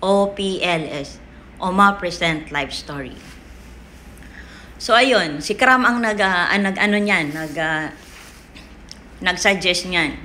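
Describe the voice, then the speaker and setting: A woman leading a group, confronting a member with long pauses and hesitations. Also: fairly low pitch, expressive, pushed and bright, reverberant, slight background noise. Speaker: group leader. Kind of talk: livestream rant.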